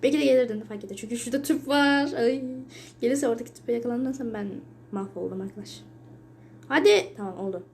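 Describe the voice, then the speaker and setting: A young woman commenting casually on her own gameplay, excitable, muttering and whispering to herself between sudden yells and shrieks when she is chased. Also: a little high, fast, a little hiss or hum. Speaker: gaming channel host.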